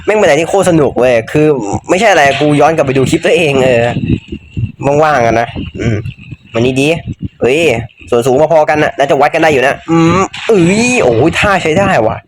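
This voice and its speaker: A man's voice: on the high side, lively intonation, fairly quick, slight background noise. A young man casually commenting on a mobile game he plays, chatty, swearing freely and joking about his own mistakes. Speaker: gaming YouTuber. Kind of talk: casual let's-play commentary.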